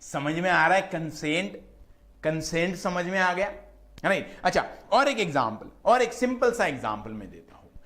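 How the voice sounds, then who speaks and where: Man, Indian accent, law lecturer, chatty classroom teaching, keeps asking "right?", slightly high voice. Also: lively intonation, normal speed, fairly bright tone. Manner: mixes English terms into Hindi speech.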